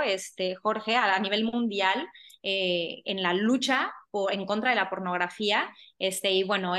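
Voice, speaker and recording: A woman with a Mexican accent hosting a podcast, talking informally and haltingly, with repeated words and tag questions. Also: mid-range voice, sharp tone. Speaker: podcast host. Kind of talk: casual conversational podcast introduction.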